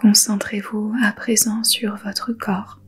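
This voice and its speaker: This guided meditation features a woman softly half-whispering instructions for yoga nidra, her mid-range voice breathy and soothing. She never rushes, pausing calmly as she goes.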